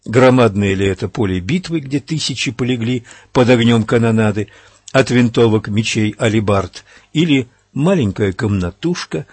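Man reading an audiobook, husky voice, dry close mic, steady and dramatic. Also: medium pitch, no room sound. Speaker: audiobook narrator. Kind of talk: audiobook narration.

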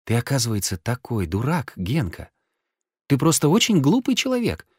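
A shaken, grieving woman in an audiobook scene, as a male reader voices her. Her speech is lively in pitch and turns scornful. The recording is close and dry. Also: normal speed, slightly rough, no room sound.

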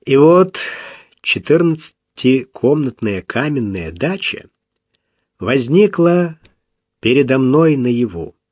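A man reads a first-person story with slow, deliberate pacing and a lively rise and fall in pitch. His voice is husky, and the recording is dry and close with no room sound. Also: dry recording. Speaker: audiobook narrator.

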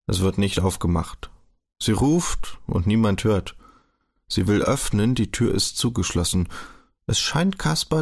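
Low-voiced male audiobook narrator. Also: gravelly. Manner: measured, even storytelling. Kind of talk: audiobook reading.

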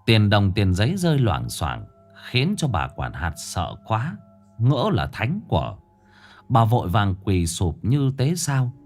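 A man with a low voice tells a ghost story, reading it with drama and expression. His intonation swings widely to build suspense, and quiet music plays underneath. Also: wildly swooping pitch, slow pace. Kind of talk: scripted ghost-story narration.

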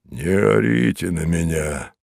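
A pompous older gentleman who mutters his complaints low and sulkily, as a male audiobook reader puts him on. The voice sits deep, and the recording is close and dry with no room sound. It is a storybook character grumbling rather than shouting. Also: lively intonation, unhurried, vocal fry, slightly rough, no room sound, full character voice.

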